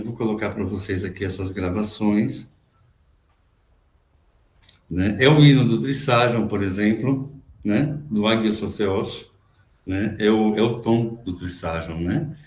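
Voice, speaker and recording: A man's voice: fairly low pitch, roomy sound. A man teaches Byzantine chant on a video call, explaining and tagging his points with frequent questions, now and then chanting a short phrase. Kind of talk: online music lecture with sung examples.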